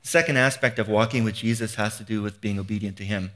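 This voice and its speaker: A man's voice: lowish voice, fairly even intonation, fast, a bit bright. A man in his fifties giving an earnest, conversational sermon, often restarting phrases and asking rhetorical questions. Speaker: preacher.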